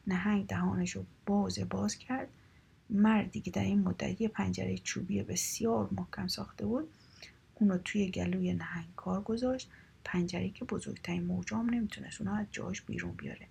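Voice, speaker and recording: A woman reading a children's story aloud in a soft, half-whispered storytelling voice. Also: medium pitch, fairly even intonation, gravelly, breathy edge.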